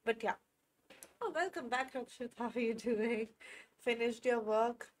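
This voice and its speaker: A young woman with an Indian English accent talks to her viewers in a loose, chatty way, laughing easily and correcting herself mid-sentence. Her voice sits a little high. She sounds like a live streamer answering chat. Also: measured pace. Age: 20s. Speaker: chess streamer.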